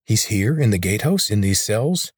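A man's voice: fairly low pitch, sing-song, normal speed, breathy edge, no room sound, clean studio sound. A man voicing an earnest young male hero in a storybook reading.

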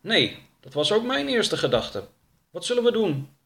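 A man's voice: sits high, sing-song, a little slow, gravelly, fairly bright tone, pitched above the performer's own voice, heavily acted. A man voicing an eager, obedient young man in a storybook reading, deferential to his boss.

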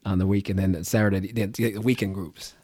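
A man's voice: low-pitched, fairly even intonation, a little fast, mellow, slightly rough, no echo. A man hosting a casual interview, eagerly asking questions and often restarting them. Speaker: podcast host.

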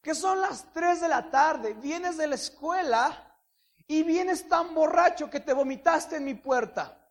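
A man's voice: very high voice, unhurried. Man doing a nosy middle-aged neighbor woman, accusing and indignant, anecdote bit.

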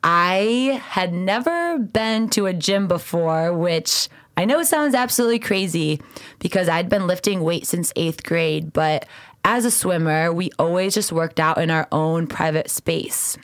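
A woman's voice: on the low side, unhurried, no echo, clean studio sound. A woman in her twenties hosting a podcast, telling stories casually in an enthusiastic, earnest way. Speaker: podcast host and founder.

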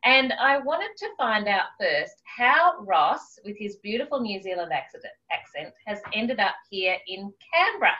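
A woman's voice: medium pitch, very animated, normal speed, hardly any pauses, bright, forceful tone, dull audio. A woman hosting a casual interview in an informal, chatty way. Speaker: interview host.

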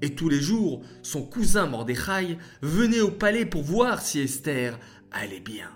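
A man telling a story to children, speaking to them directly in an expressive way. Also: a little high, a little slow, soft background music.

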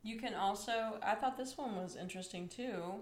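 A podcast co-host on a casual sports chat, this woman speaks playfully and exclaims over ticket prices. Her mid-range voice moves at normal speed, and the room is echoey with faint ambience.

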